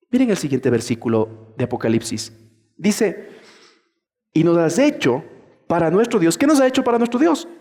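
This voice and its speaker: High-voiced pastor preaching in a hall. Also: male voice. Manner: animated preaching, acts out churchgoers' voices. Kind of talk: sermon. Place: church.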